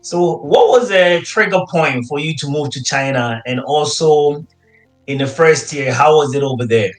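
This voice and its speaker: An enthusiastic male host of an online interview show with a somewhat high voice. He reacts with frequent exclamations. His voice carries a roomy echo. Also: moderate pace, faint music behind.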